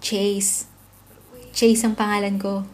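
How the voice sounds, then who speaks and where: A woman's voice: mid-range voice, slow, lightly acted. A woman voicing a terse aloof teenage boy. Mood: curt. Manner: terse, flat, few words. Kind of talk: amateur comic dub.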